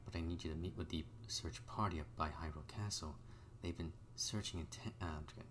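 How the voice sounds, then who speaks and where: A man's voice: very deep voice, a little fast, noisy background. A man doing casual video game commentary, reading dialogue aloud as he plays. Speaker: gamer playing through a video game.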